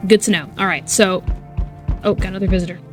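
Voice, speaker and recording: A woman giving casual, animated gameplay commentary, exclaiming and swearing as she reacts. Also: fairly low pitch, fast talker, soft background music. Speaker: gaming YouTuber.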